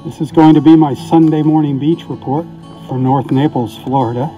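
In a casual, folksy outdoor beach report made in the rain, a man speaks at normal speed in a fairly high, steady voice with soft music in the background. His audio sounds tinny and muffled since the camera mic is housed in weatherproof casing, and he wraps up with blessings.

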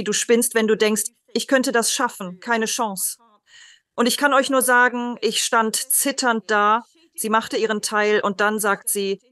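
A woman's voice: mid-range voice, a bit bright, no echo. A woman from Britain, a psychic medium, telling personal stories in an interview and acting out the quoted dialogue.

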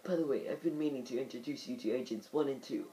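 A man voicing an excitable old male squid captain from a video game, in a hearty, exclaiming old-man voice. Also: medium pitch, fast talker, slight background noise, lightly acted. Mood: excited.

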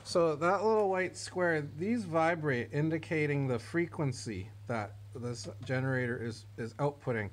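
A man's voice: fairly high pitch, measured pace, hardly any pauses. Plain-spoken man demoing a generator. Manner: plain, matter-of-fact explaining with fillers. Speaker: equipment seller demonstrating a generator. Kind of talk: casual product demo. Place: indoor barn or workshop with concrete floor.

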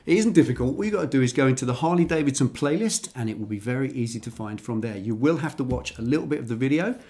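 A man's voice: medium pitch, animated, quick pace, dark tone. A man hosting a casual garage vlog, chatty and enthusiastic, recorded on a standalone microphone. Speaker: channel host.

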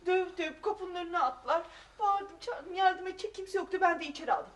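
A young actress playing a witty, kind-hearted, well-read daughter in a sitcom, who argues earnestly and on principle. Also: female voice, very high voice, brisk, far from the mic. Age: young adult. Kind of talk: sitcom acting.

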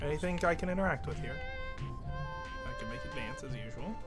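A man's voice: mid-range voice, fairly quick, music in the background. A young man casually commenting on a game he plays, playfully reading dialogue in silly voices. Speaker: let's play gamer.

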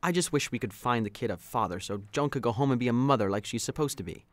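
A man's voice: medium pitch, quick pace, no echo, natural voice. A man playing a whiny, petty young office executive who complains with exaggerated emphasis in a puppet parody. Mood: resentful.

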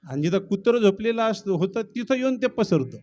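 A male preacher telling a devotional story in a dramatic way, swinging between low murmurs and loud cries and breaking into song. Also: expressive, fairly quick, muffled recording, faint music behind. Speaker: kirtan preacher.

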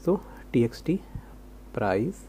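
Male coding tutor, relaxed mellow delivery, rhetorical self-questions as he types, light hum in the recording. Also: medium pitch, takes it slowly. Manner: casual, rhetorical self-questions, talks while typing. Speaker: programming tutor.

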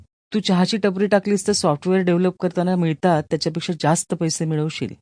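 A woman's voice: fairly low pitch, little pitch movement, fairly quick, dark tone, no echo, close to an everyday voice. A woman narrator voicing a young woman who fondly teases her partner, in an audiobook reading. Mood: teasing.

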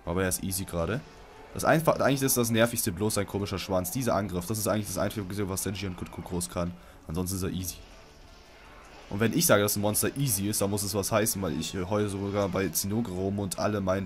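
A young man giving casual, slangy commentary on his gameplay, with sudden loud outbursts at the game. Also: on the low side, slight background noise. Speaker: let's play gamer.

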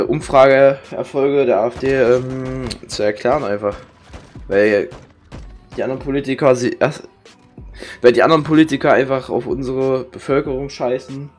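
A young man from Germany gives casual, rambling gameplay commentary in slangy speech, grumbling and swearing. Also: mid-range voice. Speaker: gaming streamer. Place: indoor room with webcam.

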